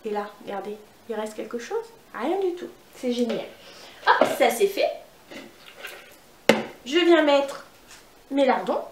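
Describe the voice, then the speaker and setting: A woman with a northern French accent gives a chatty, upbeat cooking demo at home, talking straight to her viewers. Her fairly high voice swings widely in pitch and moves slowly with long pauses. The mic is far away in a reverberant room with a noisy background.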